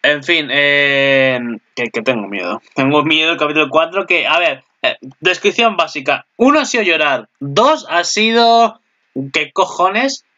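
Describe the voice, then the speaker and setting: Excitable young man with a Spanish accent. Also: a little high, normal speed, lo-fi sound. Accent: Spain. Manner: excitable, swears often, laughs at himself. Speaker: anime commentator. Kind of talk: casual reaction commentary.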